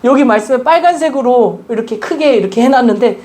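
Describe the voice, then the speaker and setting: A woman's voice: on the high side, lively intonation, quick pace, mellow. A woman pastor giving a sermon at a church service, earnestly telling stories and asking the congregation questions. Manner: addresses the congregation with repeated questions; earnest, emphatic storytelling. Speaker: guest pastor.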